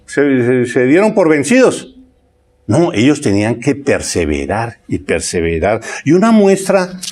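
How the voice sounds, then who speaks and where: A man's voice: on the high side, darkish tone. A man preaching a sermon, reading scripture aloud and often checking in with "¿sí?". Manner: conversational preaching with frequent "¿sí?" checks and word repetitions; reads scripture aloud, stretching key phrases slowly.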